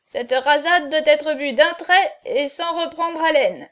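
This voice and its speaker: A woman's voice: high voice, lively intonation, moderate pace. A woman voicing a cunning, boisterous hunchback. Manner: loud toasting, sly courtesy. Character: hunchbacked man, cunning, steady, triumphant.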